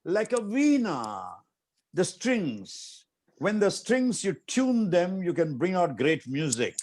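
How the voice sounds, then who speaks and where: A middle-aged man from India leads a guest through mind exercises over a call. His voice sits fairly high and swings widely, and he gives firm, repeated commands with a coaxing push. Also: expressive, takes it slowly, a little mellow. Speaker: martial arts master guiding an interview demonstration. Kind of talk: instructing over a video call.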